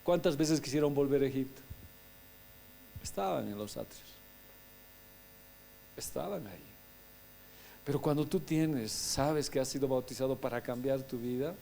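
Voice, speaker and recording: A man, a pastor, preaching a sermon, swinging between soft asides and loud exclamations. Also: mid-range voice, lively intonation, moderate pace, creaky, pauses often, a little hiss or hum.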